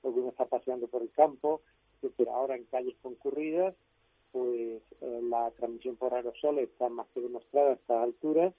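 Measured doctor explaining over the phone. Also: male voice, mid-range voice, fairly even intonation, no room sound. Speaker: doctor and author. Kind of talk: radio phone interview. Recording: dry tinny phone line.

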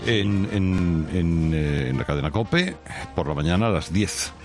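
A male radio host with a low voice speaks in a measured, slightly halting way. He introduces the segment while faint music plays underneath. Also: sing-song. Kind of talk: radio talk show presenting.

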